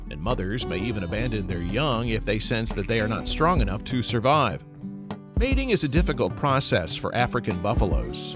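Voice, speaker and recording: A man narrating a scripted nature documentary. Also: lowish voice. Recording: music behind the voice. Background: background music.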